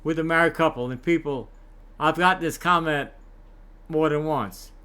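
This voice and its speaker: A man's voice: on the high side, normal speed, bright, forceful tone, smooth. An older man, a clown entertainer, chatting casually in an interview, folksy and full of corny puns.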